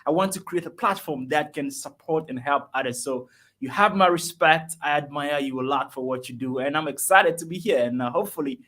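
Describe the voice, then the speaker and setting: Animated man telling his story. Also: a little high, fairly quick. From Togo. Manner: animated, emphatic, repeats words, jokes with the audience. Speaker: guest, motivational speaker. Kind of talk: interview guest telling his life story. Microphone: video call.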